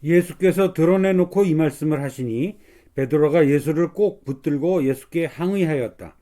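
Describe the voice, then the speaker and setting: A man from the congregation reading a Bible passage aloud in a calm, measured way and then asking the teacher questions. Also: on the high side. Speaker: congregation member reading scripture.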